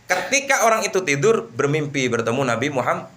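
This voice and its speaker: Animated male religious teacher telling a story. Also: fairly high pitch, a little fast. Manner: animated storyteller, rhetorical questions. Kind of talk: storytelling in an Islamic book study.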